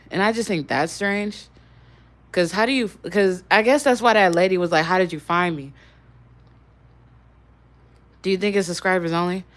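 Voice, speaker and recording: A young woman chatting casually on a livestream. She rambles and swears now and then as she talks with her viewers. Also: mid-range voice. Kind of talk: casual live-stream chat.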